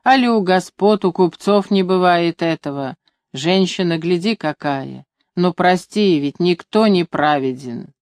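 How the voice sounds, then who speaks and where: A reader voicing a pious old grandmother in a story, speaking softly and coaxingly. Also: medium pitch, expressive, a little slow, dry recording, lightly acted. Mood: pleading softly. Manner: soft, coaxing folk speech.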